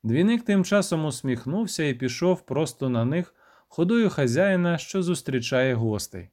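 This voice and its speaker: A man narrating a first-person novel as an audiobook, reading evenly and rising for the shouted lines. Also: a little high. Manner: even storytelling that lifts and grows loud for shouted lines.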